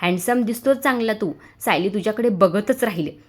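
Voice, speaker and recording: A woman's voice: medium pitch, normal speed, natural voice. Woman voicing a doting old grandmother. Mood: fond.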